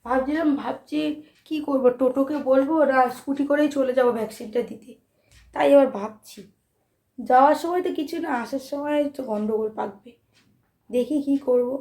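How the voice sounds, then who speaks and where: A woman's voice: high voice, a little fast, dark tone. A young mother and vlogger chatting casually at home, tired from lack of sleep, rambling and fretful with many restarts. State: sleep-deprived. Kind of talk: casual home vlog chat.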